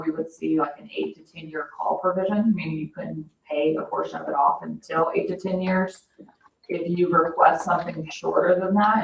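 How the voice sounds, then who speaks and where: A woman with a low, creaky voice explains things in a businesslike manner, speaking as a financial advisor at a public meeting. She is in an indoor municipal meeting room, and the recording is echoey and dull, picked up by a distant mic with faint noise.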